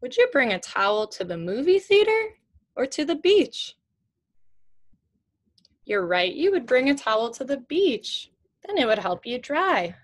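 A woman in her twenties reads a picture book to children in a high-pitched voice with big pitch swings, keeping a measured pace and leaving long pauses. She speaks in simple, teacherly phrases and asks questions from a small shelved room at home.

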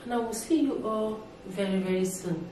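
Sitting on her living-room sofa, a young Nigerian YouTuber records a casual opinion vlog, speaking at medium pitch and a moderate pace. Animated gestures, repeated words and bits of Pidgin mark her style, while the far-off mic catches heavy room echo and a faint hiss.

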